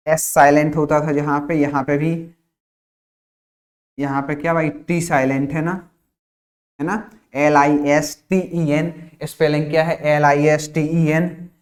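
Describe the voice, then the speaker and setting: A man with a Hindi accent teaching spoken English in a classroom lesson, repeating each phrase and quizzing his students. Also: fairly high pitch. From India. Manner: repetitive, drilling phrases with questions to the class.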